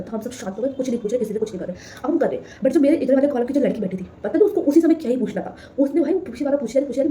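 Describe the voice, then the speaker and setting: Teen girl rambling thru a story on her vlog, talks super fast, laughs a lot. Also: on the high side, mellow, slight background noise. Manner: rambling, repeats herself, laughs often. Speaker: vlogger. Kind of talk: casual storytelling to camera.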